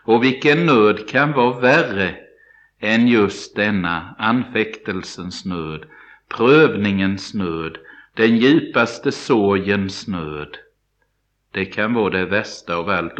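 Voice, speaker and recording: A man's voice: on the low side, fairly bright tone. A man giving a devotional Bible study sermon, speaking earnestly and directly to the listener in a pastoral way. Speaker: preacher. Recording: dull lo-fi broadcast recording.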